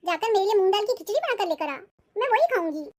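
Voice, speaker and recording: A shrill, bossy old grandmother in a cartoon, voiced by a woman. She speaks with an Awadhi-tinged Hindi accent. Her voice is very high, and she scolds sharply. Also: animated, fast. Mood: indignant. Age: older. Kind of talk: cartoon voice acting.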